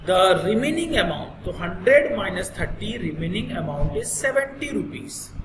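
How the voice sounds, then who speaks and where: A lively, swooping male voice with an Indian accent from a native Hindi speaker gives a classroom explanation. He is instructive and repeats points to check they are understood. The room rings with long reverb, and there is clear noise behind him. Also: high voice, moderate pace. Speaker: accountancy teacher.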